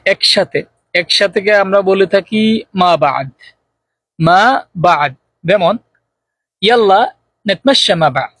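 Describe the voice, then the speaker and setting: A man with a high, husky voice gives a spoken language lesson. He goes slowly and carefully, repeating each example phrase. The sound is dry and close. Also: animated, a bit bright, no echo. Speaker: Arabic teacher.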